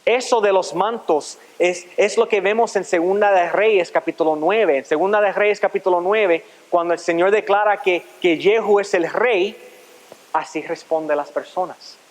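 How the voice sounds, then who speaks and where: High-voiced man preaching in a reverberant church. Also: moderate pace. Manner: teaching, asks rhetorical questions, reads scripture aloud. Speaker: pastor. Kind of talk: sermon. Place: church sanctuary.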